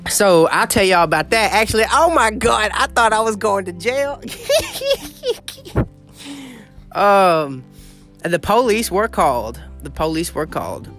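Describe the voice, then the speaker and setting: A man's voice: high-pitched, lively intonation, normal speed, a bit bright, soft background music. A man, telling a story in a dramatic, exclamatory, gossipy way as a podcast host on his porch. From southeast Missouri. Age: late teens. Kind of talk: casual storytelling monologue. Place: outdoor porch.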